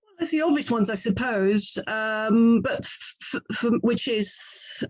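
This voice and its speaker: A woman from England, guesting on a conversational interview as an author and audio drama producer, talks things through aloud and regularly corrects herself. Her voice is a little high and a little slow, heard through a rough recording.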